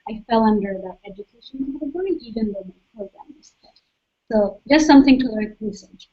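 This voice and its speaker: A soft-spoken young woman from Saudi Arabia, speaking as a guest and calmly explaining her own experience. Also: a little high, a little fast. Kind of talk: webcast talk. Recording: dull lo-fi webcast audio.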